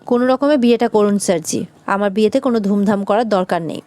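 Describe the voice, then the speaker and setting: A woman's voice: mid-range voice, dark tone, no echo, natural voice. A woman voicing a defiant young housemaid who fires back indignant retorts. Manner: indignant, rapid-fire retorts.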